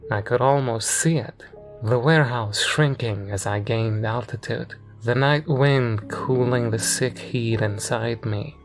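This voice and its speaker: A man tells a first-person horror story in an even, measured narration. His voice sits in a middle register, with faint music playing behind him. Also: mid-range voice. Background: faint background music.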